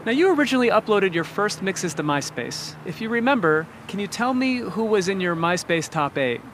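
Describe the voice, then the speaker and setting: A man asking quick, upbeat rapid-fire questions as an interviewer. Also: high-pitched, big pitch swings, a bit bright, slight background noise.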